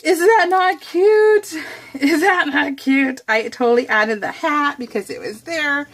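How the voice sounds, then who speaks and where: An American woman hosts a scrapbook process video, chatting casually with viewers as she crafts. She's bubbly and giggly, rambling and gushing in a high-pitched voice at a slightly slow pace.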